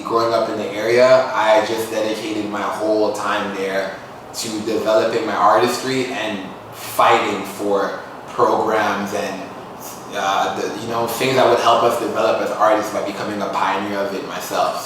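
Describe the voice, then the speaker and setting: On a noisy podcast recording, a young man from Toronto, Canada, who makes music and writes poetry, reflects earnestly on his life in casual, street-flavored speech. His voice sits on the low side. The interview room echoes and he's far from the microphone.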